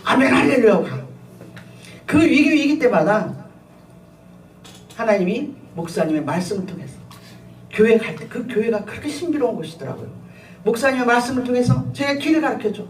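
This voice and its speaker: A middle-aged woman pastor giving a sermon with personal testimony, telling her story in an animated way with frequent laughter and fillers. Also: fairly high pitch, a little fast. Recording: echoey room, voice from a distance, faint ambient noise.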